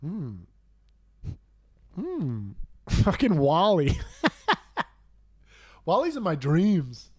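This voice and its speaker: A man's voice: on the high side, wildly swooping pitch, very slow, long pauses, darkish tone, slightly rough, no room sound, studio quality. A man hosting a casual sports watch-along stream, swearing and laughing often into a headset mic. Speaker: livestream host.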